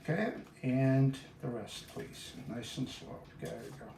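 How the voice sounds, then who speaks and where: A middle-aged man with an Austrian accent, a chef walking through a cooking demonstration in a relaxed, instructive way with many "uh" fillers. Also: mid-range voice, measured pace. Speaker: guest chef. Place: home kitchen. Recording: echoey kitchen from far off, faint hiss.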